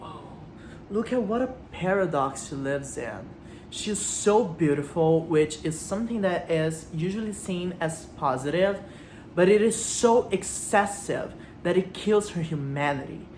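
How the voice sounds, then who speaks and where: A woman video host offers reflective literary commentary, reading quotes aloud and asking her listeners rhetorical questions. Her fairly low, darkish voice has lively intonation and an unhurried pace. Faint background noise and a roomy echo fill the recording.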